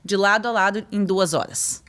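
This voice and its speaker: This young Brazilian woman, a tour guide appearing as a podcast guest, explains things at length in a casual chat, addressing listeners with "tu" and "pessoal." Her mid-range voice is steady and fairly bright, moving at a moderate pace.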